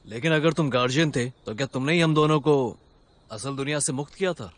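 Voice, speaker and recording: An actor playing a stern grim reaper who talks low and quiet, then shouts when pressed. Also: male voice, a little fast, lightly acted. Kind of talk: Hindi dub of a drama series.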